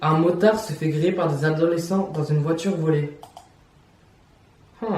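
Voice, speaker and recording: A young man with a fairly high, darkish voice chats casually and without hurry as he reacts to videos, laughing often, repeating phrases, and using slang. He sits far from the mic, and the room adds a noticeable echo.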